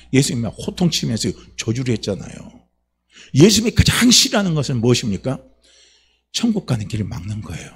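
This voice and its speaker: A man preaching a Sunday sermon in a slightly husky, somewhat high voice. He drives his points home by firing the same question at the congregation again and again. His delivery is emphatic and full of call-and-response. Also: a little mellow. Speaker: pastor.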